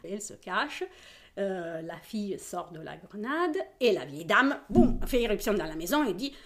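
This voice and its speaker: A woman's voice: mid-range voice, very animated, normal speed. A woman telling a folk tale aloud in a casual, hesitant way, with many fillers and acted-out voices. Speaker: storyteller.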